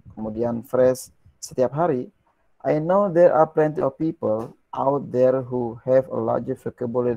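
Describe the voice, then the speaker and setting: A man teaching a casual language lesson. He reads English lines slowly, explains them in quick, chatty Indonesian, and asks his listeners rhetorical questions. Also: medium pitch, vocal fry, warm tone, no echo, lo-fi sound.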